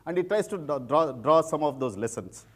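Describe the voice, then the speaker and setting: A middle-aged man speaks with a heavy Telugu-accented English. His voice sits a little high for a man, and he talks like a guest speaker sharing personal stories, often repeating phrases for emphasis. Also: expressive, moderate pace, slightly rough. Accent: Telugu Indian. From rural village in India. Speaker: guest speaker, former civil servant turned social entrepreneur. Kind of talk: informal public talk with personal anecdotes.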